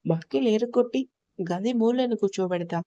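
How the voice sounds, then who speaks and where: A woman's voice: mid-range voice, moderate pace, warm tone, dry recording, dull audio, lightly acted. A woman voicing a teasing, domineering young husband who talks in a mocking, bossy way in a storybook reading.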